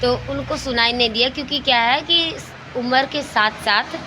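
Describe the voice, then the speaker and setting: Here a homemaker and mother from India, middle-aged and working as a lifestyle vlogger, casually describes her day-to-day routine in a high voice at normal speed. She often repeats phrases and pauses to find words. Surrounding ambient sound and vehicles can be clearly heard.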